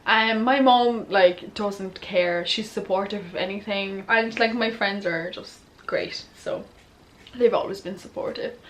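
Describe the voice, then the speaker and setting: A woman's voice: medium pitch, a little hiss or hum, rough recording. A young woman answering follower questions in a casual, candid, giggly and tipsy chat. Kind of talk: casual chatty Q&A to camera.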